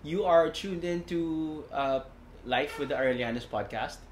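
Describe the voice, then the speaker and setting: A man's voice: a little high, normal speed, roomy sound. A man in his thirties co-hosting a casual home podcast, rambling and teasing with frequent laughs, on a lapel mic. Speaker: podcast co-host. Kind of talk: casual chat. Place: home in a busy city district. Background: faint street traffic.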